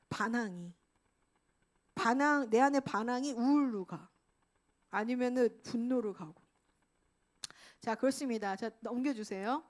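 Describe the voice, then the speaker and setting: A high-voiced middle-aged woman preaching to her congregation. She talks lively and casually, acting out little quoted scenes as she goes. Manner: lively, acts out quoted lines. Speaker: pastor. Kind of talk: sermon.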